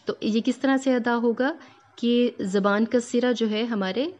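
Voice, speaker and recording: A woman's voice: fairly high pitch, fairly even intonation, a little mellow. Woman, recitation teacher, patient, checks in often, draws out letter sounds, muffled lo-fi audio. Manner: stretches out letter sounds to demonstrate. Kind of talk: Tajweed lesson.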